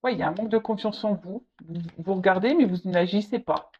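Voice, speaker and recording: A woman's voice: mid-range voice, slightly rough. A woman giving a casual tarot reading, addressing the viewer directly, often stalling and repeating words. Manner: halting, repeats words, many fillers. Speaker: tarot reader. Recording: slightly dull lo-fi audio.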